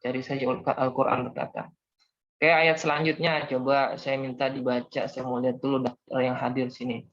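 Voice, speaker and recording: A man's voice: medium pitch, little pitch movement, normal speed, fairly bright tone. A young man teaching a class, patiently explaining step by step and calling on students. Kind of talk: online class lesson. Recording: dull lo-fi audio.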